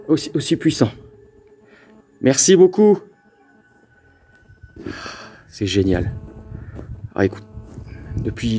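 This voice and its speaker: A man with a mellow, dark voice and a mid-range pitch walks alone through an abandoned mountain fort, calling out to spirits. He stammers and repeats himself as excitement takes over. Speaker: paranormal investigator. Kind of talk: ghost-hunting vlog narration.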